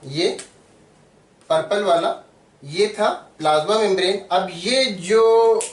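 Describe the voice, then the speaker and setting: A man's voice: high voice, echoey room, recorded from a distance. A man teaching biology step by step, patiently repeating terms and spelling them out as he draws. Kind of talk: step-by-step drawing tutorial.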